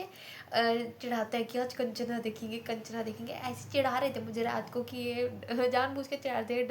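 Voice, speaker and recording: A young woman with a slightly high voice shares a personal story in a relaxed, chatty vlogger style, full of filler words and repetition. There's a bit of noise in the background.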